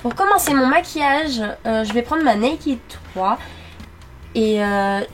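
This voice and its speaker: A young woman narrating her makeup routine step by step, pausing often with fillers as she works. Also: on the high side, expressive, soft background music. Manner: halting, many fillers while working. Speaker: beauty vlogger. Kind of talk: makeup tutorial voice-over.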